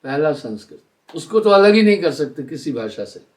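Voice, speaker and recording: High-voiced older man teaching. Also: big pitch swings, a little mellow, far from the mic. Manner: deliberate, explanatory, slows to spell out sounds. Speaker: spiritual teacher. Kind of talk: live spiritual discourse.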